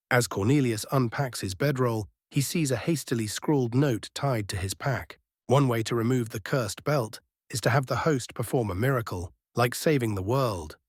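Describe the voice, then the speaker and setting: A man's voice: medium pitch, husky, no echo, studio quality. A man reading scripted fantasy narration as a storyteller.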